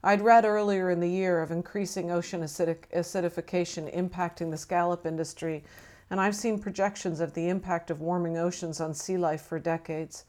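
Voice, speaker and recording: A middle-aged woman reading a reflective personal essay as a mother, measured and thoughtful. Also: lowish voice, steady tone, darkish tone. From British Columbia, Canada. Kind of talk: scripted personal narration.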